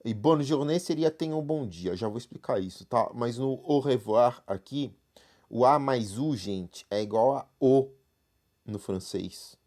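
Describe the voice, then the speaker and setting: In an online class, a Brazilian-accented man with a mellow, unhurried, mid-range voice guides beginner French students through their textbook. "Right?" comes up frequently as he checks that they're following.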